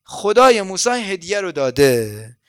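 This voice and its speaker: A man voicing a sly, smooth-talking male deceiver who spins a tall tale in a chatty, mock-intimate way, inside a sermon. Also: high-pitched, very animated, fairly bright tone, voice pushed up. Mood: persuasive. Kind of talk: sermon storytelling.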